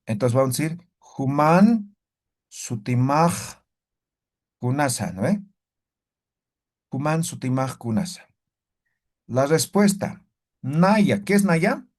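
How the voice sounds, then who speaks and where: A man with a fairly high voice speaks slowly, leaving long pauses. He teaches an online Aymara class and keeps checking in with "¿ya?" and "¿no ve?", animatedly exaggerating rises and falls to demonstrate.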